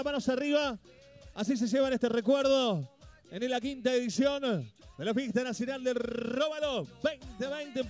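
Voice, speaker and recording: High-voiced Argentine festival announcer. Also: male voice. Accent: Argentine Spanish. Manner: emphatic, drawn-out announcer delivery. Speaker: festival stage host. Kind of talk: live stage announcing. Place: outdoor festival stage. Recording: live PA with loud music. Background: music playing.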